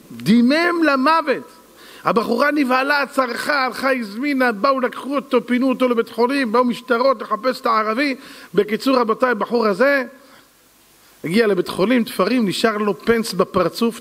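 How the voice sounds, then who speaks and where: A man giving a rabbi's lesson, telling stories in an animated way and turning to his audience as he goes. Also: very high voice. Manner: animated storyteller, voices quoted people, addresses audience as "gentlemen". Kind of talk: storytelling sermon. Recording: reverberant hall.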